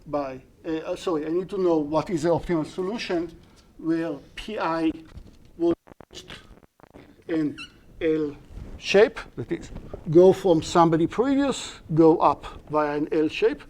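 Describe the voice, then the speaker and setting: During a live-streamed algorithms lecture, a male academic whose first language is Hebrew walks through the steps in English. His voice is a little high but gentle and mellow, and he often pauses to restart or fix what he said.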